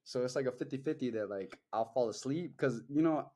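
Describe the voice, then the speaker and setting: A man's voice: mid-range voice, a little fast, a little mellow. A young man hosting a podcast, chatting loosely and rambling with lots of fillers and swearing. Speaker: podcast host. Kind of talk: casual chat.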